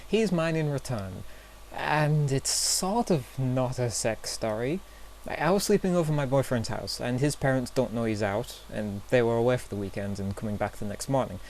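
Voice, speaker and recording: A man's voice: mid-range voice, lively intonation, normal speed, few pauses, a little mellow. A young man tells awkward stories to his camera in a chatty, self-deprecating way. He hedges with fillers and laughs at himself. A faint hiss sits under the recording. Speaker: vlogger. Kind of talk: casual storytelling vlog.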